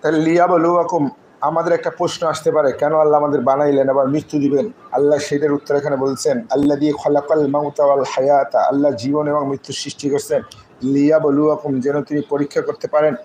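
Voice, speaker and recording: A man teaching Quran recitation, spelling the Arabic syllable by syllable in a slow, drawn-out way and reciting short verse phrases. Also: a little high, little pitch movement, darkish tone, slight background noise, rough recording. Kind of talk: spelling out and reciting Arabic letter by letter in a live class.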